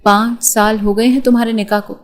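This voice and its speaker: A woman's voice: fairly high pitch, level tone, lightly acted. A woman reading the lines of a stern mother in an audio novel, scolding her daughter in a raised voice.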